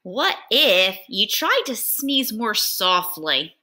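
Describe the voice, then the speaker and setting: A woman voicing a caring female pig from a storybook, speaking slowly and softly. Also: mid-range voice, very animated, exaggerated voice. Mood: concerned.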